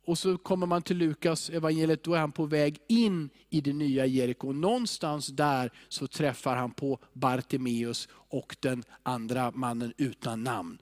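A man preaching a sermon, earnest, now and then rising to loud cries as he quotes a prayer. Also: medium pitch.

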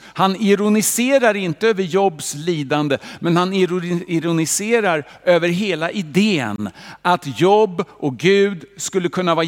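A man preaching a sermon in a church, lively and direct, with rhetorical questions aimed at the congregation. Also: on the high side. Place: church hall. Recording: long reverb of a church hall.

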